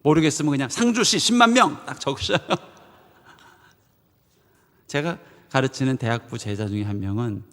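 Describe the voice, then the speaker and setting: A male pastor preaching a Sunday sermon with lively delivery, briefly acting out the voices of the people in his stories. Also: medium pitch, a little slow, long pauses. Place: church sanctuary. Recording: long hall reverb.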